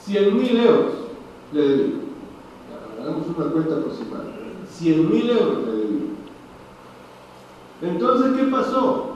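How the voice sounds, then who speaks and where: A man's voice: high voice, big pitch swings, a little slow, long pauses, darkish tone, slight background noise. A male preacher giving a sermon, telling a story and asking the listeners questions as he goes. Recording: distant echoey hall, dull sound.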